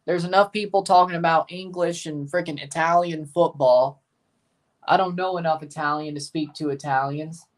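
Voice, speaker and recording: Heard from a distance, a Southern American streamer with a voice on the high side talks at a moderate pace with fairly even intonation. He rambles casually through a live match watchalong, swearing mildly now and then.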